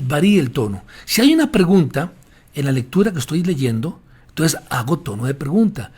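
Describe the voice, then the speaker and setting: A man lectures fellow pastors on preaching, his voice slightly breathy and sitting a bit high for a man. He hands out practical advice in a plain, teacherly way, pausing on fillers as he goes. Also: a little mellow. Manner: didactic, gives direct advice with frequent fillers. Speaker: pastor giving a preaching workshop. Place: speaking while drinking water during a talk.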